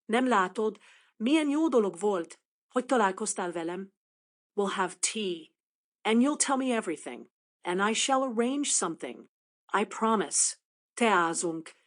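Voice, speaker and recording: A woman voicing a kind, impulsive wealthy young lady who speaks eagerly and comfortingly, a little briskly, in a storybook reading. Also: medium pitch, lightly acted.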